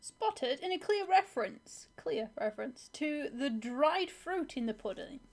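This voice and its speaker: Woman, higher-pitched voice, casual conversational chat. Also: expressive, unhurried, a little mellow.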